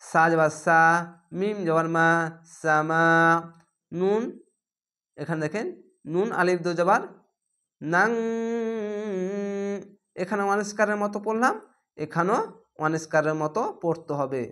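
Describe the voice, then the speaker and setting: A man teaching Quran reading, with a Bangladeshi Bengali accent, spelling words letter by letter and slowly stretching the recited words. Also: on the high side, a bit bright.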